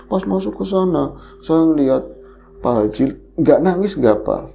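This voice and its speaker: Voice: medium pitch, lively intonation, unhurried, vocal fry, dark tone, a little hiss or hum. A podcast host animatedly retelling a horror story in casual chat, the voice leaping up at the scary moments.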